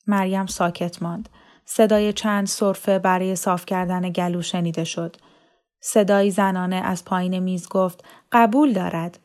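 A woman reading a novel aloud in a calm, even, measured storytelling manner. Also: on the low side. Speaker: story reader. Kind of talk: audiobook narration of a novel.

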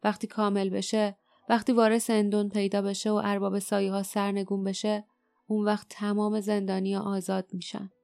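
Woman reading an earnest, determined teenage boy, higher and lifted at times, faint music behind. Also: completely flat delivery, gravelly, a little mellow, clean tone, no echo, lightly acted. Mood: resolute.

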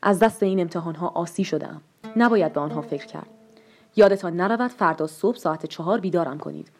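A tired, irritable young son snapping back at his parents, played by a woman reader. His lines are curt and low-pitched. Soft music underneath.

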